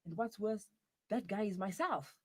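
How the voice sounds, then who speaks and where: Brief: man voicing a touchy young boyfriend stuck in the wrong body, comic audio drama, whiny outbursts, husky tone. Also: high-pitched, moderate pace, pitched above the performer's own voice. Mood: grumbling.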